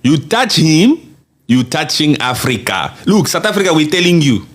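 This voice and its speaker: With a fairly high voice at normal speed, a man hosts a casual podcast, reading viewer comments aloud. His delivery is animated and emphatic, full of laughter and phrases repeated for effect.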